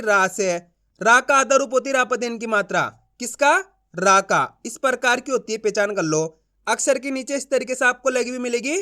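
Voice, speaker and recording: A young man teaching reading through a close mic, drilling sounds slowly and asking and answering his own questions. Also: extremely high pitch, fairly bright tone. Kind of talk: step-by-step phonics lesson.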